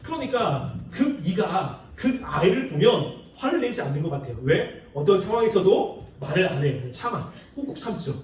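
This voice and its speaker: A man preaches with a high, animated voice that swings up and down, acting out quoted people with bursts of laughter. He is heard from a distance in a very echoey hall, with a faint hiss behind him. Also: moderate pace, hardly any pauses. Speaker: pastor. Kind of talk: sermon. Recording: echoey room, far from the mic.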